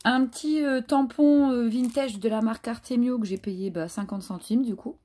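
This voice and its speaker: A woman's voice: on the high side, normal speed, mellow. A woman chatting casually through a craft haul, hesitant and full of fillers. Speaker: craft vlogger. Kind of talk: casual haul show-and-tell.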